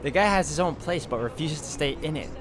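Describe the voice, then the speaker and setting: A man hosting a game walkthrough reads visual novel narration aloud and tosses in casual comments, his voice high-leaning with lively intonation and a quick pace. Game music plays behind him, along with some background noise.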